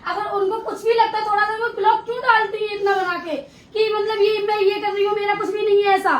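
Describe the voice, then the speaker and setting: A woman with a very high voice talks fast and accuses. She is a little off the mic, and the room echoes. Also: flat delivery, recorded from a distance. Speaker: sister. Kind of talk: emotional vlog argument. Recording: roomy, from off-mic.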